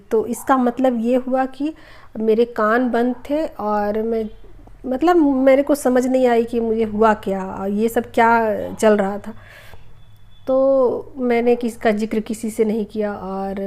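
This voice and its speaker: A middle-aged woman hosting a spiritual healing channel, telling viewers a personal story in a chatty way, repeating herself and filling pauses with hesitations. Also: on the high side, a little mellow. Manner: chatty, repeats phrases, many hesitation fillers.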